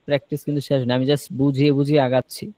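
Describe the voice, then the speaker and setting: A man's voice: mid-range voice, little pitch movement, warm tone, no echo. Dry-voiced male English teacher drilling words. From Bangladesh. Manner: drills students with quick prompts, repeats words slowly. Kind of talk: online spoken-English class.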